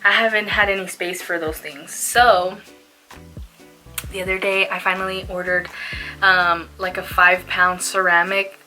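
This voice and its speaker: A woman's voice: fairly low pitch, steady tone, measured pace, sharp tone, faint music behind, rough recording. A young woman chatting casually in a laid-back, slangy stoner manner, as in a smoke-along vlog. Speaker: small YouTube vlogger.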